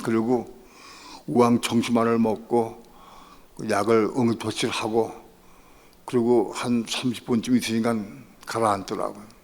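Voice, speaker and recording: Korean pastor preaching in an echoing church. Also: male voice, mid-range voice, flat delivery, normal speed, darkish tone. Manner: retells his own prayers with rising, pleading intensity; conversational, repeats phrases. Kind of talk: sermon. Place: church sanctuary.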